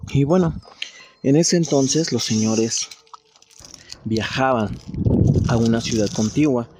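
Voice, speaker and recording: Formal man with a dark voice. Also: mid-range voice, slow pace, a little hiss or hum. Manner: formal, polite storytelling. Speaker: story contributor. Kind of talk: narrated anecdote.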